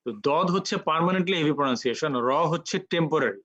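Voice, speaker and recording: A man teaching Quran recitation rules in an online lecture, explaining patiently step by step and repeating sounds slowly for practice. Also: a little high, a bit bright, no echo, poor audio.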